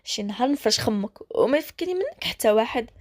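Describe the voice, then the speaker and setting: Gruff big brother, as a woman tells it. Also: fairly high pitch, animated, fast. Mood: stern. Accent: Moroccan. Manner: stern, blunt. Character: gruff protective older brother.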